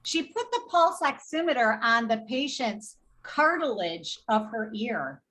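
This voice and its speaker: A woman's voice: a little high, big pitch swings, measured pace, a bit bright, rough recording. A woman, a patient advocate guest on a podcast, retelling a tense hospital episode with indignation and acting out both sides of the dialogue. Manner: indignant, recounts exchanges in quoted dialogue. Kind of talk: podcast storytelling.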